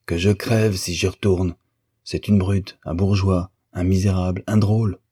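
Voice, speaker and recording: A man's voice: low-pitched, fairly even intonation, unhurried, warm tone, slightly rough. A man voicing an angry, bitter adult male painter who hurls contemptuous outbursts. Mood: ranting.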